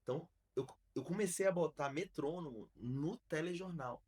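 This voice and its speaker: A man from Brazil, a podcast host, telling a story in a casual, slangy, animated way with many restarts. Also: a little high, moderate pace, breathy edge.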